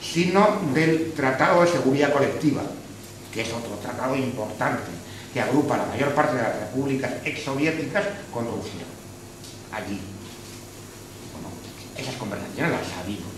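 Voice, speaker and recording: A man's voice: mid-range voice, animated, moderate pace. A man from Spain speaking at a debate after a film screening, opinionated and hesitant, with restarts. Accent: Spanish from Spain. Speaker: speaker at a public discussion. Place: hall of a social club. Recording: echoey room, far from the mic, noisy.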